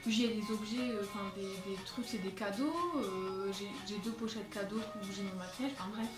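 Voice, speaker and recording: A young beauty vlogger chats casually to her phone camera, held away with no tripod, in a bedroom with a skylight. Her medium-pitched voice is fairly even, at normal speed, a little out of breath and full of fillers. The distant mic catches an echoey room with music behind her.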